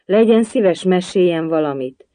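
A storybook reader voicing a curious, polite little girl who asks many questions, raised higher and louder. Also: lively intonation, dry recording, lightly acted. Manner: eager questioning, timid at times.

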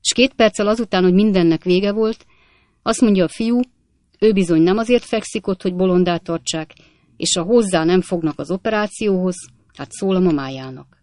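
A woman voicing a flippant young male medical student who tells gruesome stories in a breezy, animated way. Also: on the low side, no echo, lightly acted. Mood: breezy boastful.

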